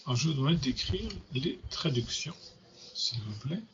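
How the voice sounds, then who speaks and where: A man's voice: mid-range voice, sing-song, normal speed, dull audio, background noise. A man teaching a grammar lesson, patiently repeating and spelling out words. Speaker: Hebrew teacher.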